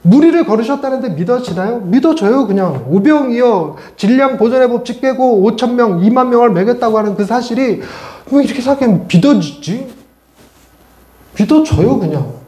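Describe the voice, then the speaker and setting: A middle-aged male pastor preaching a sermon, chatty and animated, with playful asides to his congregation. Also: extremely high pitch, a little fast, hardly any pauses. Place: church sanctuary. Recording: echoey church hall.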